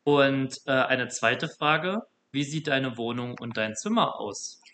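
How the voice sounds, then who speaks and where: Bright-voiced young German podcast host. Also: male voice, medium pitch, takes it slowly, slight background noise. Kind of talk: casual podcast interview.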